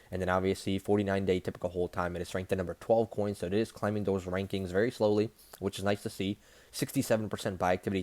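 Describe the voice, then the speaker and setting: A man's voice: sits low, darkish tone. A man doing casual market commentary as a channel host, talking like a rambling crypto bro.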